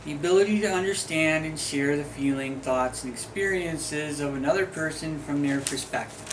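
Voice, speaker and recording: A man's voice: a little high, moderate pace. Man, middle-aged, from the US, video host, casual rambling talk, wandering jokey asides, noisy background hiss. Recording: steady background noise.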